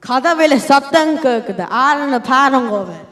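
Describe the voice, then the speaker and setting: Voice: sits high, animated, takes it slowly, a bit bright, exaggerated voice. A young actor doing a fussy Tamil mother. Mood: fussing. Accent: Sri Lankan Tamil. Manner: chiding, fussing. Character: nagging middle-aged mother, fussy. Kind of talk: amateur stage play.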